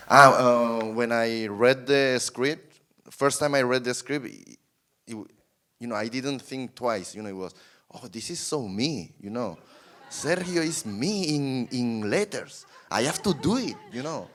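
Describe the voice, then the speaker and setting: A man from Spain, an actor answering festival Q&A questions haltingly, with many fillers. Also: medium pitch, lively intonation, a bit bright. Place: film festival screening.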